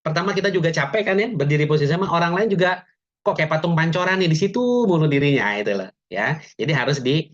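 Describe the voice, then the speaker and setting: A man's voice: a little high, expressive, fast. A man teaching public speaking in an online webinar, chatty, with joking asides and frequent "ya" tags. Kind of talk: webinar lecture. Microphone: video call. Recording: dull lo-fi webinar audio.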